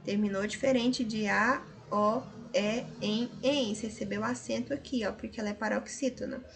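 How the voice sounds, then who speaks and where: A woman's voice: mid-range voice, steady tone, moderate pace, vocal fry. A woman teacher with a Brazilian Portuguese accent, patiently going over answers step by step in a recorded lesson. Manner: patient, explaining step by step with frequent tag questions.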